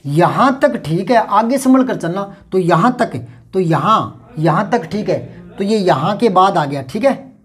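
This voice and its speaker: A man teaching a grammar lesson in a chatty way, explaining slowly and going over each example again and again. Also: sits high, expressive.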